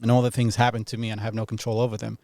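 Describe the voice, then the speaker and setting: A man in his thirties from Iraq, talking as a podcast guest in a thoughtful, reflective way, pausing often and laughing easily. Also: lowish voice, monotone, gravelly, a little mellow, no room sound, clean studio sound. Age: 30s. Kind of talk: casual reflective interview talk.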